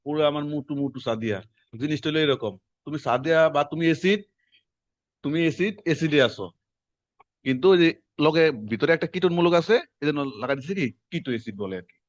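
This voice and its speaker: A man, teaching a class in quick, conversational lecture style and quizzing his students as he goes. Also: on the high side, animated, dry recording. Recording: dull lo-fi classroom recording.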